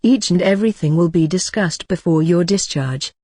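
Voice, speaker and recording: A woman playing a reassuring ward nurse in a scripted role-play, speaking gently, calmly and rather formally. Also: lowish voice, moderate pace, no echo, studio quality. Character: reassuring female ward nurse counselling a patient. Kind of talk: scripted role-play dialogue for exam practice.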